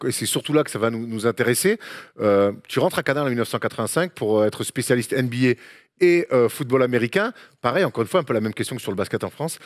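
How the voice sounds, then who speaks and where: A man hosting an interview, asking quick questions with frequent restarts. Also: medium pitch, no echo, studio quality. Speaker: interviewer, host.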